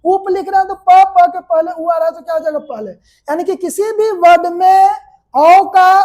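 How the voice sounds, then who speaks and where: Speaking with an Indian Hindi accent, this woman teaches shorthand in a classroom, explaining things one step at a time and quizzing her students briefly as she goes. Her very high voice has a slightly mellow quality.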